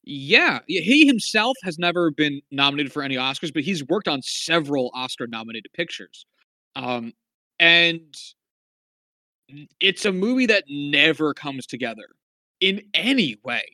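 Man, podcast co-host, bright tense voice, rambling casual film talk, dry close sound. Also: fairly high pitch, sing-song, a little slow, no room sound. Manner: rambling, frequent fillers, wry asides. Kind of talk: casual movie review chat.

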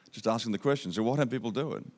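Talking fast in a medium-pitched, darkish voice, the man gives a sermon as a guest speaker in a church auditorium. His Australian accent comes through a handheld mic, and his style is upbeat and chatty, with key phrases repeated for emphasis.

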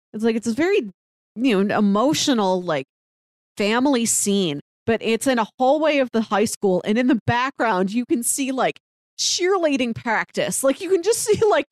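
A woman co-hosting a podcast chats casually about a TV drama, telling stories in a rambling way. Her voice is fairly high, and there's no room sound at all.

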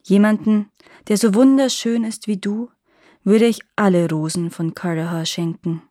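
A woman's voice: mid-range voice, fairly even intonation, normal speed, mellow, no room sound, natural voice. A stern young fairy knight with a raised, commanding delivery, as a woman puts him on. The storybook figure is pale and lonely. The sound is dry and close, with no room around it. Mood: gentle. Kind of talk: storybook character voice.

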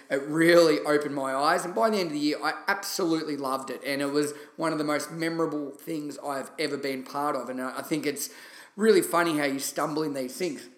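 An Australian-accented man hosting a podcast, telling personal stories in a casual, chatty, enthusiastic way. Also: fairly high pitch. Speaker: podcast host. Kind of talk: casual solo podcast storytelling. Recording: roomy, echoey sound.

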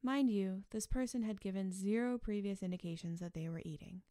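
A woman reading her own nonfiction book aloud as scripted audiobook narration, in a calm, measured, gently explanatory manner. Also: medium pitch, no room sound, clean studio sound.

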